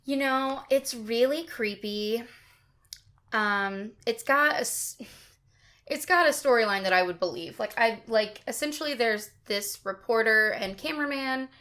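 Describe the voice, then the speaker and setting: A young woman co-hosting a podcast, talking casually and a bit haltingly about a horror short. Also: a little high, bright, forceful tone. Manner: hesitant, filler-laden. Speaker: podcast co-host. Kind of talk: casual film review chat.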